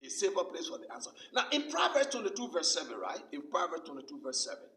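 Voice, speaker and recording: A man's voice: a little high, huge pitch swings, quick pace, pushed and bright. A male pastor preaching a sermon with emphasis, repeating his key phrases over and over. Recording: roomy sound from a distant mic.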